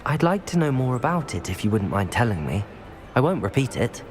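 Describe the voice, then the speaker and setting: An actor playing a curious, sympathetic young wizard student in a video game. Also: male voice, mid-range voice, big pitch swings, brisk, a little hiss or hum, close to an everyday voice. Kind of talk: video game dialogue acting.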